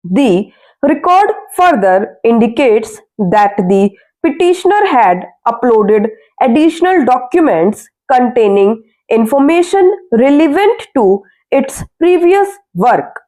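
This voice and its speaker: A woman reads a formal text aloud as slow school dictation, in measured phrases with deliberate breaks so that listeners can write it down. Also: a little high, big pitch swings, dark tone, poor audio. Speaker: dictation reader for stenography practice.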